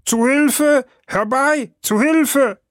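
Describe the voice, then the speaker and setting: A man voicing a frightened young servant who shrieks for help in panicky high cries. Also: fairly even intonation, measured pace, creaky, dry recording, clean studio sound, heavily acted. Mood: panicked.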